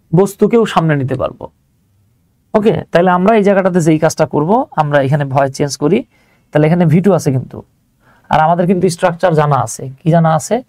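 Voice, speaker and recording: With a Bangladeshi accent, this man teaches grammar informally and step by step, often questioning his learners as he goes and checking on them with rhetorical questions in a conversational way. His voice sits high and is a little mellow, and the recording is dry.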